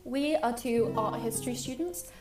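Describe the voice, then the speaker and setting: A woman's voice: fairly high pitch, moderate pace. A young woman co-hosting a podcast, chatting in a wry, easygoing way. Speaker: podcast co-host. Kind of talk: casual chat. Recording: echoey room with faint music.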